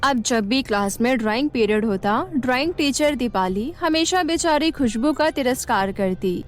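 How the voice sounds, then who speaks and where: A woman narrating a cartoon story in a steady, scripted storytelling manner. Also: on the high side, moderate pace, faint music behind.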